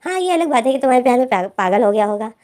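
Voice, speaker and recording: A woman's voice: a little high, expressive, racing, darkish tone, lightly acted. A woman voicing a bossy young male student who teases and scolds his friend. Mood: teasing. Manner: scolding, teasing.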